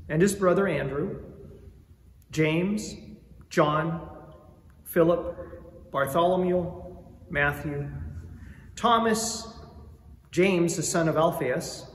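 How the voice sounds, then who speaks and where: A man with a slightly high voice proclaims the Gospel at a slow, unhurried pace. His words hang in the long echo of a large church, with faint room ambience under them. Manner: slow, measured, solemn delivery. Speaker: clergy reading the Gospel at Mass.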